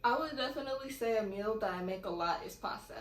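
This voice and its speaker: A woman's voice: mid-range voice, expressive, quick pace. A young woman from California chatting casually and rambling through a Q&A vlog at home. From California, USA. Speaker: vlogger. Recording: echoey room with faint background noise.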